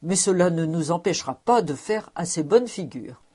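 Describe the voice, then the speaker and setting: A woman's voice: lowish voice, expressive, moderate pace, warm tone, breathy edge. A woman reading the lines of a stout, pompous middle-aged male tax collector in a storybook, with exclaiming indignation. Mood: indignant.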